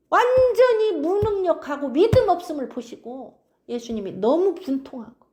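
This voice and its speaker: Animated woman preaching a sermon. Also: very high-pitched. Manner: animated, keeps prompting listeners with "응?". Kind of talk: expository sermon.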